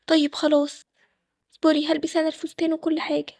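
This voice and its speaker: Nervous loyal friend, voiced by a woman, Egyptian, high, quick talker. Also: monotone, a little mellow, dry recording. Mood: worried. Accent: Egyptian Arabic. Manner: hesitant, worried questions.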